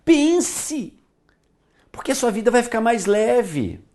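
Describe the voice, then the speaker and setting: A man's voice: sits high, very animated, normal speed, creaky, a little mellow. A middle-aged man with a Brazilian Portuguese accent teaching grammar in a theatrical classroom lecture, talking straight to the class and repeating phrases in a singsong. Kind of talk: animated classroom lecture to camera.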